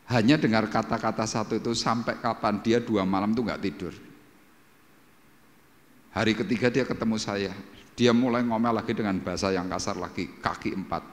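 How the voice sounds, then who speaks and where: A man with a Javanese accent preaching a sermon at a church service, telling stories with lively delivery and acting out the voices of people he quotes. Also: lowish voice, normal speed. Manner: lively storytelling, acts out quoted voices loudly. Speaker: pastor. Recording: reverberant church hall.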